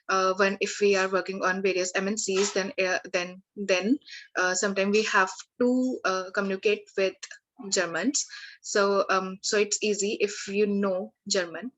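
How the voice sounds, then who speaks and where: A young woman tutor giving a live beginner language lesson, talking in a halting way with many restarts and fillers. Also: mid-range voice, rough recording.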